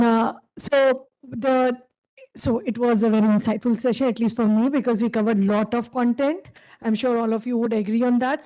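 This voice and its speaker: Woman moderator closing out a panel, kinda high voice but mellow, summing things up calmly. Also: low-quality recording. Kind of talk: wrapping up a panel session.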